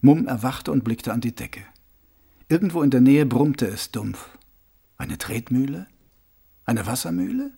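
A man's voice: mid-range voice, measured pace, gravelly, pauses often, slightly rough. A man reading a novel aloud as narrator, telling it expressively. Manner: expressive storytelling. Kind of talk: audiobook reading.

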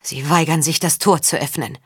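A woman voicing a hoarse, proud young countess who sounds weary and defiant, in an audiobook. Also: deep voice, steady tone, normal speed, a bit bright, dry recording, clean studio sound, exaggerated voice. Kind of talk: audiobook character voice.

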